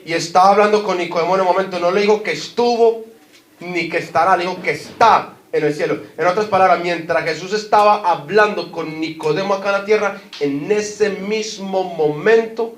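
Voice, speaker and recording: A man's voice: high voice, moderate pace. A man with a Colombian Spanish accent preaching a sermon as pastor, putting questions to the congregation and stressing his points. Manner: preaching with rising emphasis, asks the congregation questions. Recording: echoey hall.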